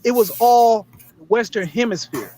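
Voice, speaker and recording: A man's voice: very high voice, animated, unhurried, dark tone. A man in a heated, casual sports debate, emphatic and argumentative, swearing and repeating himself, on dull lo-fi audio.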